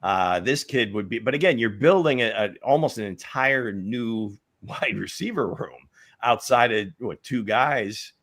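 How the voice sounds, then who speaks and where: A man's voice: mid-range voice, expressive, unhurried, fairly bright tone. A man co-hosting a casual sports talk show, analyzing draft prospects in a rambling, thinking-aloud way. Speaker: football analyst co-host.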